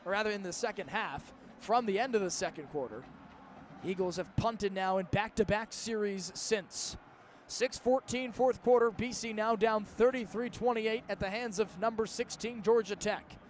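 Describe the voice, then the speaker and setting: A man in his early twenties calls live American football play-by-play like a radio broadcast, from a broadcast position in an outdoor stadium. His voice is high-pitched and moderately paced, with a little hiss or hum.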